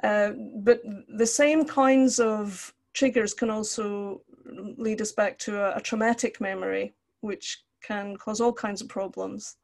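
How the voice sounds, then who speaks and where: An older Scottish woman teaches counselling over a video call from an indoor room, explaining things conversationally and drawing on personal examples. Her medium-pitched voice is gravelly, unhurried, and fairly even in intonation.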